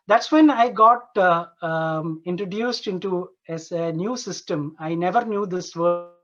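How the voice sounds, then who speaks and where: A man from Dubai, an Ayurveda doctor, gives an informal conference presentation in an earnest, halting way, often repeating and rephrasing his phrases. His voice is high-pitched with a fairly bright tone. The online conference audio sounds dull and lo-fi.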